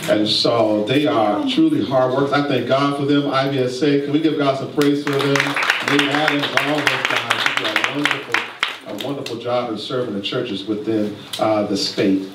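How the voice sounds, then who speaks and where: A man's voice: mid-range voice, steady tone. A man pastor giving a church leadership talk, urging the congregation to answer back in a preacherly way. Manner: preacherly, slow emphatic asides, prompts the congregation. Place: church sanctuary. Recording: echoey church room, distant mic, noisy.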